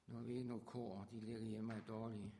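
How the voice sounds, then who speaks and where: Fervent Danish preacher, hushed to shouting. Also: male voice, on the low side, level tone, slight background noise. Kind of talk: charismatic sermon.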